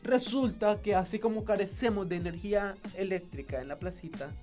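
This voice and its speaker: A young man, casually telling a lively story and acting out the people in it. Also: sits high, brisk, faint music behind. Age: young adult. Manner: animated, acts out voices of people in his story.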